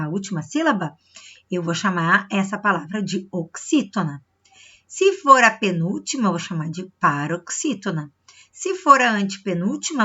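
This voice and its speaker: A bright, clear-toned woman teacher walks children through a review lesson. She explains patiently, checks in often and draws out words to show where the stress falls. The recording sounds dull and lo-fi, like a home video. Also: medium pitch.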